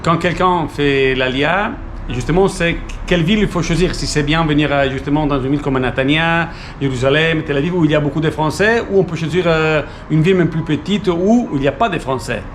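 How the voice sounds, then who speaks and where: Man, interviewer, relaxed and chatty, fairly high voice, faint ambience behind. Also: a little fast, a little hiss or hum. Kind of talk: casual interview questions.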